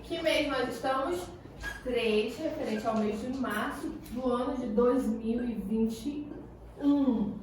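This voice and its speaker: High-voiced Brazilian teacher in an echoey room. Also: female voice, slight background noise. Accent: Brazilian Portuguese. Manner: asks questions and answers them herself, stretches key words slowly. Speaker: schoolteacher. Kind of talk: recorded remote class lesson. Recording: echoey room, voice far from the mic.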